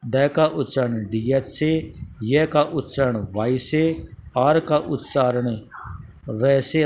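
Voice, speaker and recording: A man's voice: mid-range voice, a little mellow, slight background noise. A man teaching a language lesson, reciting letter sound rules one by one in a methodical way.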